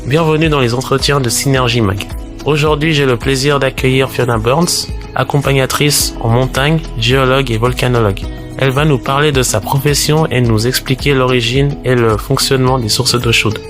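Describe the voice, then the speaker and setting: A man's voice: medium pitch, fairly even intonation, normal speed. A man hosting an interview, asking polite prepared questions. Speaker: interview host. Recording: music bed behind voice.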